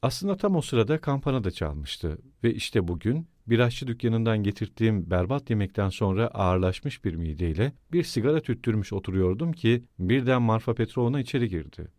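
A man's voice: on the low side, expressive, fairly quick, few pauses, a little mellow, dry recording, studio quality, lightly acted. A man voicing a brooding, eerie, absent-minded middle-aged landowner in an audiobook reading, with a musing, rambling delivery.

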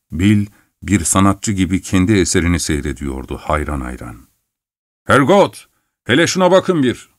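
A man narrating an adventure story aloud in a dramatic, measured reading. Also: fairly low pitch, dry recording, studio quality. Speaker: audiobook narrator.

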